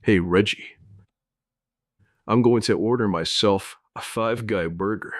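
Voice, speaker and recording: A man doing a bellowing gruff Walt. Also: on the low side, voice pushed down. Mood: loud, deadpan. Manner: loud, bellowing, drawn-out deadpan delivery. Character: gruff middle-aged male chemistry teacher turned cook. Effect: voice conversion filter. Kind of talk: comedic impression for an animation bit.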